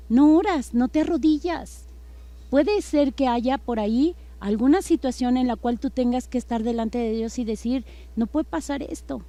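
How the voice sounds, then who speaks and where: A woman's voice: a little high, dark tone, dry recording. Woman teaching a church lesson. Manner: earnest, many fillers and restarts. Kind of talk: sermon.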